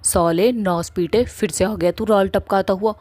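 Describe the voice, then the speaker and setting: A woman voicing a feisty young woman in a cartoon, who is blunt and quick to threaten. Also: medium pitch, fairly even intonation, darkish tone, natural voice. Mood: angry.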